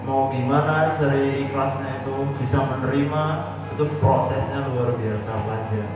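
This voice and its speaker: A man in his twenties, talking reflectively in a casual chat with halting pauses. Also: mid-range voice, fairly even intonation. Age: 20s. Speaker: guest. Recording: echoey room from far off with music.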